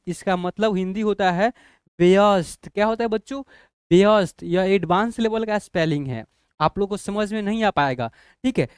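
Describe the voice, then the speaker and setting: In a studio-quality recording with no echo, a man with a high-pitched, clean voice teaches English, explaining spelling by patiently naming each letter and asking his students if they understand.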